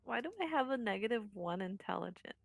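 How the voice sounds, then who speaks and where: A woman's voice: medium pitch, expressive, quick pace, gravelly, no echo. A woman chatting casually as a player in a tabletop roleplaying game. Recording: music behind the voice.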